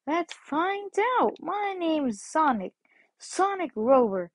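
Goofy male hedgehog hero, put on by a woman: high, lively, exaggerated amazement; playful fan dub. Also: slow, no echo, heavily acted, low-quality recording. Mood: amazed. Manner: silly, gushing, exaggerated amazement.

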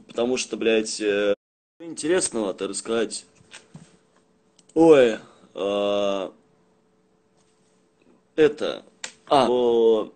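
A young man chatting casually on a livestream in rough, swear-heavy street slang, rambling and halting as he goes. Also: medium pitch, a little mellow. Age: young adult. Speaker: live streamer. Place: small indoor room at home. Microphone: phone at arm's length.

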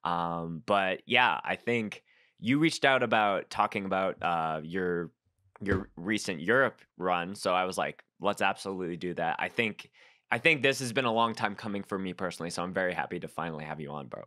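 Speaking at a moderate pace in a deep voice, this podcast host keeps the interview loose and laid-back, leaning constantly on fillers like "um" and "like." The sound is clean studio audio without any room noise.

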